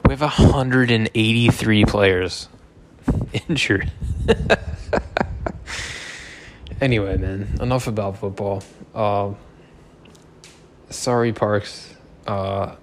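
A slightly drunk man in his thirties rambles on in an offhand, joking way, swearing freely. His voice sits fairly low, and faint noise hums behind him. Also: fairly even intonation, slow pace, pauses often. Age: 30s. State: tipsy. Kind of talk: rambling casual monologue.

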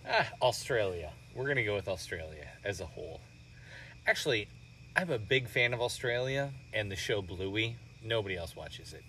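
A lively man co-hosting a laid-back podcast outdoors by a pool, his pitch bouncing around as he talks emphatically. He sits a little off the mic, with a faint outdoor hiss behind him. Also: distant mic. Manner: animated, emphatic, quick to laugh. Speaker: podcast co-host. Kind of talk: casual chat among friends.

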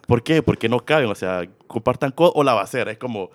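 A man, speaking haltingly and repeating words on a casual group podcast. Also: medium pitch, lively intonation. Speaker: podcast co-host.

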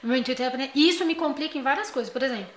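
A talkative young Brazilian woman with a high voice, chatting animatedly as a podcast co-host. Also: racing, reverberant. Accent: Brazilian Portuguese. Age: young adult. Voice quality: high-pitched voice. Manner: talkative, animated, laughs often. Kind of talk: casual chat.

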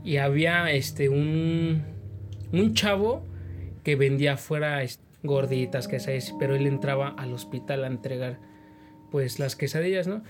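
A Mexican man with a Mexican accent, telling what happened in a plain, halting way with fillers in an interview. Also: medium pitch. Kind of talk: personal testimony. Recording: music bed under voice.

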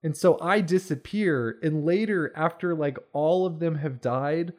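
A young man chatting casually on a podcast, telling stories in a rambling, animated way. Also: fairly high pitch, measured pace. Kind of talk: casual chat.

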